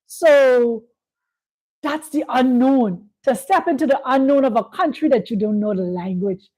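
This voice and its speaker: High-voiced woman preaching. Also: measured pace, darkish tone, rough recording. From Bahamas. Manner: preachy, repeats phrases, asks "you see?". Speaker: host. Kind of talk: spiritual talk monologue. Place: Kenya.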